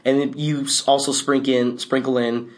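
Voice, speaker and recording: A man's voice: mid-range voice, level tone, moderate pace. Man chatting casually about football. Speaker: sports podcast co-host. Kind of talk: casual sports talk.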